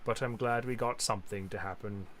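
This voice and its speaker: A man hosting his own live stream in casual chat, animated and jumping high in pitch for quoted asides. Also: brisk, a little hiss or hum. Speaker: streamer host.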